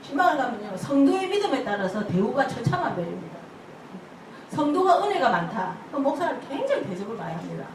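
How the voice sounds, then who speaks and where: An older woman pastor, preaching an animated sermon full of stories, acting out church members' voices and laughing often. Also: a little high, fast talker. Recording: echoey hall from far off, noisy ambience.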